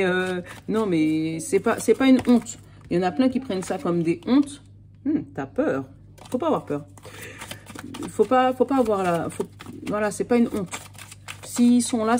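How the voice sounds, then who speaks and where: A woman with a fairly low, mellow voice talks through a tarot reading. She is chatty and reassuring and speaks straight to the listener. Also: slight background noise. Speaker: tarot card reader. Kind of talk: casual spoken card reading to viewers.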